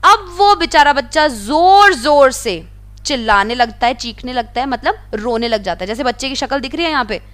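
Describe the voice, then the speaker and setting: Woman teacher with a high voice: reads textbook lines slowly, then explains them plainly. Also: lively intonation, a bit bright. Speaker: English teacher. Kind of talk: explaining a textbook lesson in Hindi.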